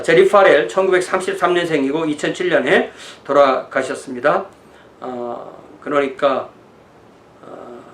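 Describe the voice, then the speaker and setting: A pastor in his sixties teaches church history in a conversational lecture, shifting between his notes and informal asides. His voice is slightly high and a bit bright, and the room sounds echoing and spacious.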